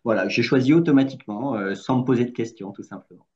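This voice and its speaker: A man politely and deliberately sharing his experience in a group discussion. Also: medium pitch, darkish tone, muffled recording.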